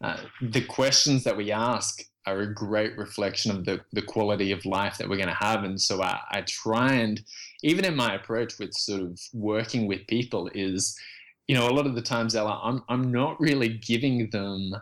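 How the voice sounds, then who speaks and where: Aussie guy, early thirties, kinda low voice, stops and restarts a lot while talking. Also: moderate pace, fairly bright tone. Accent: Australian. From Australia. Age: 30s. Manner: hesitant, many restarts and fillers. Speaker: guest writer. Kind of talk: casual interview talk.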